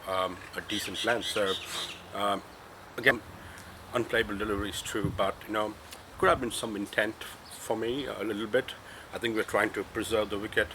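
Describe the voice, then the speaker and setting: A man in his twenties with a cold and flu, chatting through a casual cricket match review, full of fillers and rising to excited emphasis. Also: on the low side, noisy background. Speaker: cricket vlogger.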